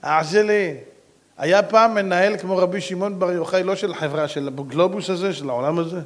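A man preaching a sermon, animated and directly addressing his listeners, switching voices to act out stories. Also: high voice.

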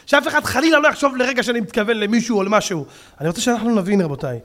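A man, a rabbi, preaching an impassioned sermon who swings between fiery outbursts and soft pleading to his audience. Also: very high-pitched.

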